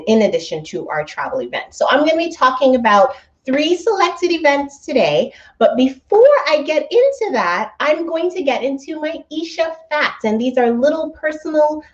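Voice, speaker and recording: Her pitch leans high, and the laptop microphone gives a lo-fi quality. She's in her thirties, hosting a travel company's weekly live stream at home, a little stuffy from allergies while she chats upbeat with viewers and laughs frequently.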